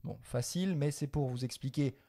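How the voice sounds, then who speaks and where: A man from France leads a living Latin lesson, switching between Latin and French as he explains. His voice is mellow, and he corrects mistakes patiently. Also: mid-range voice, moderate pace, gravelly. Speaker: Latin teacher. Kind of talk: spoken language lesson.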